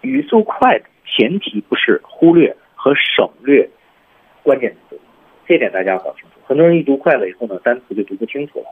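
A man's voice: mid-range voice, sing-song, a little fast, breathy edge, narrow, tinny audio. A male English teacher explaining speaking technique on a radio lesson, going step by step and repeating example lines.

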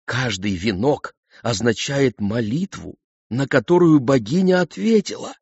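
A man voicing a frightened, timid old foreman who speaks in a fearful hush, in an audiobook. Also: mid-range voice, animated, measured pace, slightly rough, no room sound, muffled recording. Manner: hushed, whispering, fearful.

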